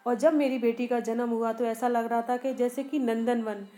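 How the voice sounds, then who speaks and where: Lady teacher going through a poem line by line, pretty high voice, keeps asking the kids what words mean then answers herself. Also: steady tone, moderate pace, dark tone. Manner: asks students questions and answers them herself; repeats and rephrases lines with small restarts. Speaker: Hindi teacher. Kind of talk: poem explanation lesson for students.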